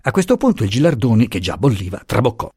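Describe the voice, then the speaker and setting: Guy narrating an old novel, lively intonation, bit husky, dry close mic. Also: mid-range voice, fast, dry recording. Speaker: audiobook narrator. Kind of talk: scripted narration of a classic novel.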